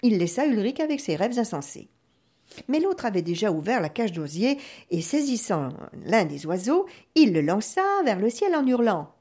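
Woman storyteller, expressive, animated pitch, dramatic read-aloud. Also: normal speed, slightly rough. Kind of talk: storybook reading.

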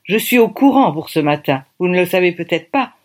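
A woman reading aloud, voicing a brisk, bossy woman in charge of costumes who gives curt orders. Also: fairly low pitch, expressive. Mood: dry, teasing. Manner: curt, commanding.

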